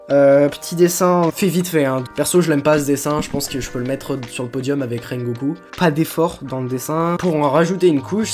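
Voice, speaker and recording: A man's voice: on the high side, a little mellow. A young man casually commenting on his own sketchbook drawings, rambling and poking fun at his own work. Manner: self-mocking, jokey, chatty with many fillers. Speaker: vlogger showing his sketchbook.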